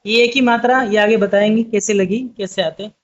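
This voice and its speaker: Speaking steadily and fairly quickly in a high voice, this Urdu teacher runs an online language lesson. His explanations are patient and repetitive, he treats viewers like friends, and the audio sounds dull and lo-fi.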